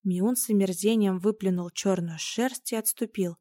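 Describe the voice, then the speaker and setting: A woman narrating a storybook with a steady, expressive reading. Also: medium pitch, normal speed, no echo, studio quality. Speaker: audiobook narrator.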